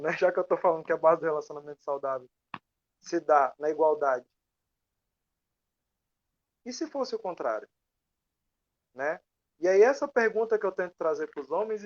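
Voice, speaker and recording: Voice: mid-range voice, lo-fi sound. An impassioned speaker in a casual live-stream discussion, asking many rhetorical questions and acting out quoted dialogue. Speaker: panelist in an online live talk. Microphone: video call.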